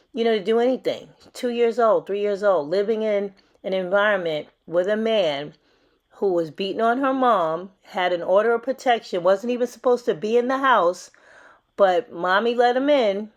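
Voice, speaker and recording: A woman hosting a true crime commentary channel, talking casually and chattily with fillers. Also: mid-range voice.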